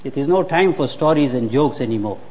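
A man's voice: mid-range voice, animated, a little fast, mellow, a little hiss or hum. A man, preaching a sermon earnestly and repeating words for emphasis. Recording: muffled hall with long reverb.

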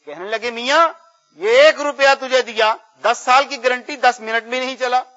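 A man leading a slow, drawn-out prayer at a gathering. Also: very high voice, steady tone, sharp tone. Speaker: prayer leader. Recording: muffled and distant from mic.

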